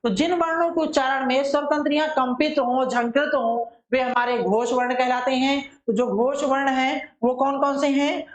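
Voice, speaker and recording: A woman teacher giving a methodical lesson. She asks questions and answers them herself, and she draws syllables out slowly to demonstrate them. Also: high voice, steady tone, roomy sound, rough recording. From India. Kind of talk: classroom-style lesson.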